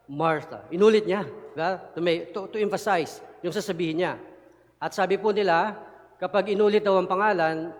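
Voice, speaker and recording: A man delivers a sermon as a church elder, his voice sitting high for a man. He talks with animation and keeps checking in with the congregation through rhetorical questions. His voice trails off into the long reverb of a church hall. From Philippines. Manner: mixes Tagalog and English, asks listeners rhetorical "di ba?" often; animated, chuckles while explaining.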